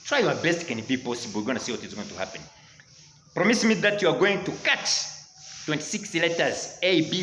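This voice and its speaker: A man from Rwanda, with a Rwandan accent, teaches English in a motivational lesson, repeatedly urging viewers on and calling them "dear friends." His voice is slightly high and sharp, and the low-quality recording is reverberant, with a little hiss or hum.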